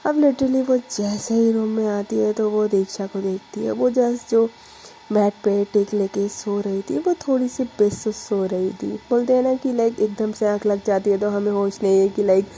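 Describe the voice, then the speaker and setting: A woman's voice: medium pitch, steady tone, normal speed, dark tone, soft background music, low-quality recording. A woman storyteller narrating a romance story in a chatty, casual way, dropping in English fillers.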